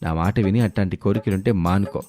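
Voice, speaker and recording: A man voicing a stern, weary husband who scolds his greedy wife in a slow, lecturing way. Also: low-pitched, mellow, soft background music, lightly acted. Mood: scolding. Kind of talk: storybook drama acting.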